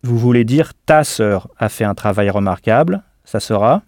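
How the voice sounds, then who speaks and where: Slow, deliberate male language teacher. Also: on the low side, expressive, darkish tone, no echo, studio quality. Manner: slow, deliberate, spells words letter by letter. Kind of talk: scripted audio language lesson.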